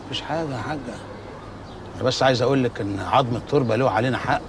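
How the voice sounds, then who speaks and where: An actor playing a cautious, conscience-stricken brother with an Egyptian accent, speaking earnestly. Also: male voice, medium pitch, rapid-fire, distant mic, background noise, natural voice. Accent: Egyptian Arabic. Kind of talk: TV drama acting.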